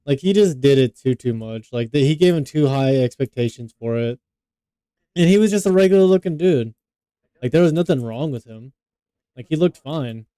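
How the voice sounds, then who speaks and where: Young man, podcast co-host, mellow, smooth, dry mic, rambling casual chat. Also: medium pitch, animated, moderate pace, no echo. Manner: loose, profane, lots of "like" fillers.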